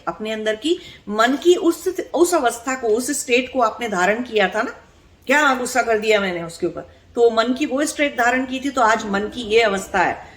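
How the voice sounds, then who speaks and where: A woman spiritual teacher giving an earnest spiritual discourse, explaining her points with rhetorical questions and repeated words for emphasis. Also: mid-range voice. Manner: explanatory, asks rhetorical questions and checks in with the listener.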